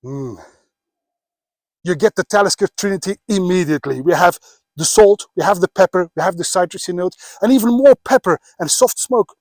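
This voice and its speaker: A man's voice: high voice, normal speed, a little mellow, dry recording. Chatty fifty-something man tasting whisky outdoors. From Belgium. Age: 50s. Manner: chatty, many filler "uh"s. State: slightly out of breath. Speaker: whisky blogger. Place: outdoors on a mountaintop.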